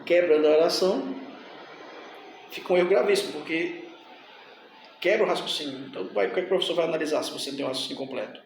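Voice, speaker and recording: A man's voice: a little high, fast, gravelly, pauses often, heavy reverb, slight background noise. A man teaching a grammar lesson, explaining step by step and checking in with his students. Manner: explains step by step, often asks "tá?" and "certo?".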